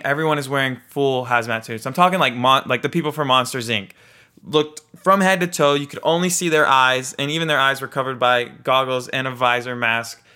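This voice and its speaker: Young adult male storyteller, smooth resonant voice, animated anecdote delivery. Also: mid-range voice. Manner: animated, vivid retelling with voiced quotes. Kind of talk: casual personal storytelling.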